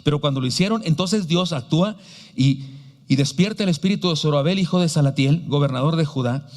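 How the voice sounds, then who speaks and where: A man's voice: fairly high pitch, brisk, a little mellow, long reverb tail. A male pastor with a Mexican Spanish accent, preaching a sermon, telling stories and asking the congregation questions. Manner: storytelling, asks the congregation questions. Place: church sanctuary.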